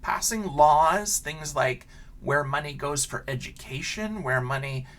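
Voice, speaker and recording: At a measured pace, a male teacher reads aloud from a children's picture book, sprinkling in expressive questions and casual asides for the young audience.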